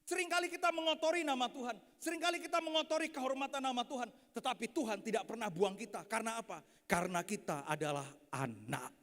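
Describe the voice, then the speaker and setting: A man in his thirties preaching a lively, joking sermon full of stories, constantly addressing the audience. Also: very high-pitched, quick pace, few pauses. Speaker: pastor. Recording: echoey hall.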